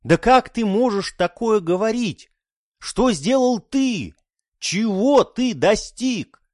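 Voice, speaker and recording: A man's voice: a little high, sing-song, measured pace, no echo, studio quality, voice pushed up. A man voicing an obsessed young male scientist chasing immortality, fervent and scornful. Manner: fervent, scornful, rising to outbursts.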